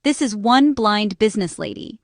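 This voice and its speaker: In a studio-quality recording with no echo, a woman reads a scripted explainer in short, instructional phrases. Her voice is medium-pitched, with lively intonation and a moderate pace, and she narrates as a small business owner explaining accessibility.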